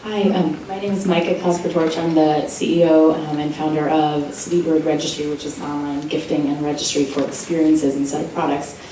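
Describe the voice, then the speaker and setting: A woman's voice: sits low, level tone, a little fast, dark tone, a little hiss or hum. A woman who founded a company, giving a reflective answer full of hedges on a discussion panel. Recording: echoey hall, distant mic.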